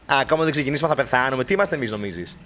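A young man playing a horror video game, talking to the characters and joking, with sudden shouts when startled. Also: mid-range voice, a little hiss or hum. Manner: animated, jokey, talks to game characters, bursts into shouts. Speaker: gaming YouTuber. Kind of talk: let's play commentary.

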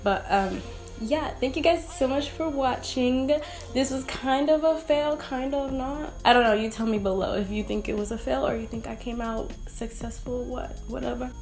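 A woman's voice: high-pitched, moderate pace, over music. A young woman chatting through a makeup tutorial at home, rambling and poking fun at herself. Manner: rambling, self-mocking, giggly asides. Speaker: beauty vlogger. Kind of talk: casual makeup tutorial chat.

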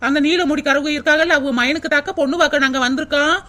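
A woman's voice: high voice, steady tone, sharp tone. A woman voicing a nosy, meddling village aunt in a cartoon, with a teasing manner. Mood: goading. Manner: quick, teasing and goading.

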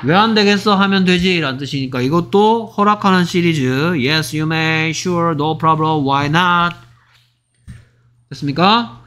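A man teaching English to middle school students, repeating example phrases slowly and acting out short dialogues. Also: fairly high pitch, pushed and bright. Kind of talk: exam-prep lecture.

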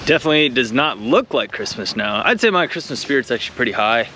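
A man's voice: medium pitch, sing-song, fast talker, sharp tone, a little hiss or hum. Chatty young man vlogging outdoors. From Northeast Ohio. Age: young adult. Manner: chatty, upbeat, jokey. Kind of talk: casual vlog chat. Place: outdoors in a park and in a car. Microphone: handheld action camera.

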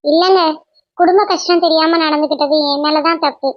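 A woman voicing a young cartoon wife who talks softly and apologetically to her husband. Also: high-pitched, steady tone, moderate pace, dry recording, lo-fi sound, lightly acted. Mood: apologetic. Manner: soft, apologetic.

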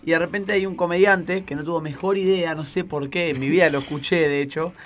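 A man's voice: fairly high pitch, fairly even intonation, brisk, a little hiss or hum. An Argentine man telling a stage anecdote in a casual radio chat, laughing as he goes. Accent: Argentine Spanish. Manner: storytelling with bursts of laughter.

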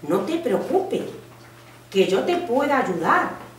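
A woman voicing a clever, bold talking male cat in a read-aloud story, coaxing and deliberate. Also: fairly high pitch, big pitch swings, slight background noise. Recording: echoey room, mic far off.

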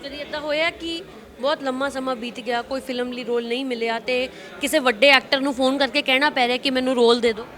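High, quick-talking woman interviewer. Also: steady tone, fairly bright tone. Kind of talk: interview questions.

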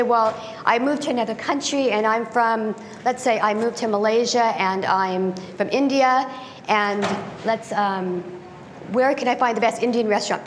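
A middle-aged American woman, a guest speaker, delivers a slide lecture in a conference room, her voice on the high side with slight background noise. She talks conversationally, with frequent ums and restarts. She starts on a lectern mic and later switches to a handheld.

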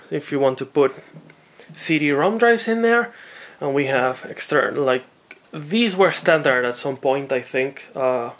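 Man hobbyist, higher pitch, unhurried delivery; rambling, amazed teardown vlogger. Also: slight background noise. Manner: rambling, thinks aloud, easily amazed. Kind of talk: unboxing and teardown narration.

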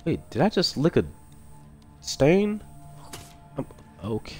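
A man commentates his own gameplay in a loose, animated voice that swings between muttering and loud shouts. He curses freely and talks to his chat as he plays. Faint game music plays beneath him. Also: on the high side, takes it slowly, husky. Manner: excitable, swearing, talks to himself and chat. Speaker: streamer.

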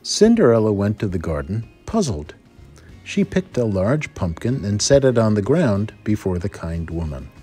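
Expressive male teacher reading aloud. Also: lowish voice, normal speed, slightly rough, faint music behind. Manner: expressive, dramatic storytelling. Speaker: first-grade teacher. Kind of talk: storybook read-aloud.

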